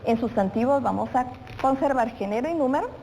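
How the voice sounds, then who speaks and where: A woman's voice: high-pitched, expressive, fairly quick, warm tone. A woman teaching a televised grammar lesson to children, asking questions and then answering them as she speaks directly to the pupil. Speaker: primary school teacher. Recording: reverberant room with faint noise.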